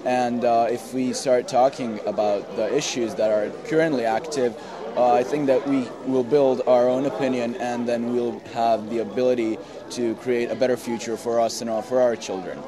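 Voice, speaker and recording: A man's voice: mid-range voice, steady tone, normal speed. A young man answering an interview question earnestly, with many fillers, outdoors. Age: young adult. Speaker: young festival participant. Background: crowd chatter.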